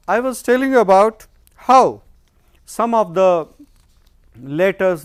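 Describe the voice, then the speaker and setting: A man's voice: sits high, clean tone. A man giving a phonetics lecture, explaining step by step and answering his own questions. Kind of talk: recorded lecture.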